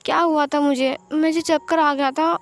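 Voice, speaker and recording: A bashful young man, voiced by a woman in a storybook reading. He speaks softly and haltingly, in a high voice. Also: steady tone. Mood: hesitant. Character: young man, shy pregnant spouse.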